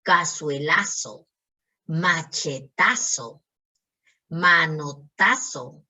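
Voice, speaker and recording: Woman teacher; unhurried, clear lesson delivery, keeps checking the class follows. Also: sits low, sharp tone. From Peru. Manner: slow, patient, checking in with "¿sí?".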